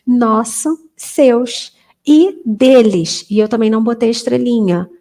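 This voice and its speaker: A Portuguese-speaking woman gives a relaxed, chatty English lesson for beginners and drags out each example sentence slowly and clearly. Her voice sits a little high, has a mellow, darker tone, and carries a steady gravelly fry. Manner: chatty, informal, slows down to model English sentences. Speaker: English teacher.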